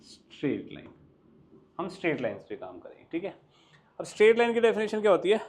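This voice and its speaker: A young man with an Indian accent teaching a maths class, lively and coaxing, often quizzing his students. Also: high voice, a little fast. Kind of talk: classroom lecture mixing Hindi and English.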